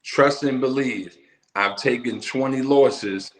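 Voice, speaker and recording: A middle-aged man talking as an interview guest about his work, telling his story in an emphatic, animated way. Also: medium pitch, takes it slowly, echoey room, slight background noise. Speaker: interview guest, musical poet. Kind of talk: casual conversational interview.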